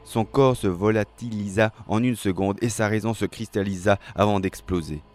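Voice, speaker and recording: A man reading a dramatic story aloud in a slow, measured, expressive way. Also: lowish voice. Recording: faint music behind.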